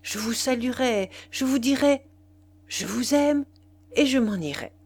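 A woman's voice: fairly high pitch, unhurried, darkish tone, pitched above the performer's own voice. A woman reading the part of an ardent young man who pleads insistently with the woman he loves, in a storybook reading. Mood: pleading.

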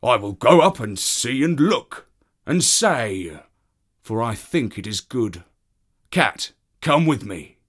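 A man's voice: mid-range voice, sing-song, takes it slowly, breathy edge, full character voice. A man voicing an eager, hungry wild male dog who pleads for food.

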